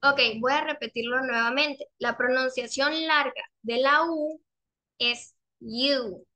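A young English teacher runs an online class by video call in a high-pitched, sharp voice. She patiently repeats questions and pronounces example words slowly and drawn out.

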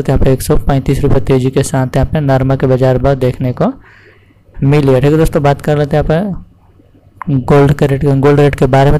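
Guy rattling off crop prices super fast, flat voice, bit of hiss behind. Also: mid-range voice, rough recording. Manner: fast, repetitive formula, addresses listeners as friends. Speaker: commodity price channel host. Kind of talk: reading market prices to farmers.

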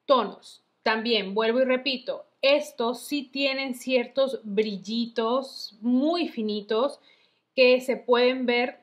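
A woman's voice: on the high side, muffled recording. A woman reviewing makeup in a chatty, casual way, full of diminutives. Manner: chatty, uses many diminutives. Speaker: beauty vlogger.

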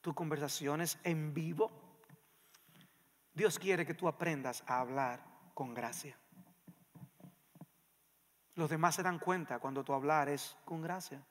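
A male pastor preaching a sermon in a church, emphatic and swinging between loud passages and hushed ones. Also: a little high, slow, pauses often. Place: church sanctuary. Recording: long reverb of a church hall.

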